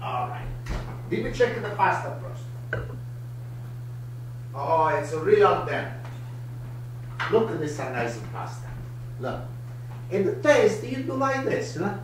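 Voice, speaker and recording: An older man with a strong Italian accent chats through a live cooking show in lively, broken English, his voice sitting fairly high for a man. He is heard from across a home kitchen, with heavy room echo and a faint hiss behind him. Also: slow pace, long pauses, far from the mic. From Italy. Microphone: camera across the counter. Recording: echoey kitchen, voice from afar.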